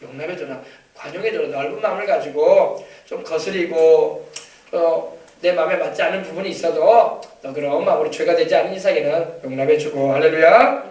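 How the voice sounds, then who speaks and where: High-voiced preacher man in an echoey church. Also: a little fast, a little mellow. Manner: exhorting, prompting the congregation for amens; repeats phrases for emphasis, laughs at times. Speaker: pastor. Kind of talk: sermon. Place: church sanctuary. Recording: echoey church hall from far off.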